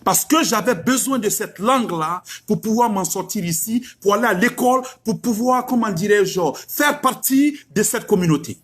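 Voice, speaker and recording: A middle-aged preacher speaks. His husky voice sits high and leaps with lively swings of pitch. He drives his point home through repeated rhetorical questions. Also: moderate pace, hardly any pauses. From West Africa. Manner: emphatic, rhetorical questions, repeats lines for effect. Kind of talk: religious exhortation.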